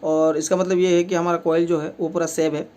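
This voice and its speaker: A man's voice: on the high side, little pitch movement, a little fast, darkish tone. A man with speech, a repair technician who explains each step of fixing a table fan in a plain way, with many fillers. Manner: speaks while working with his hands.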